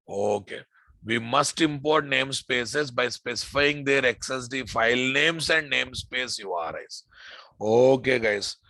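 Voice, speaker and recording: In a dry recording, a man with an Indian accent teaches programming in a casual live class, often repeating himself and speaking to students in a familiar way. His voice is mid-range, sharp in tone, with vocal fry.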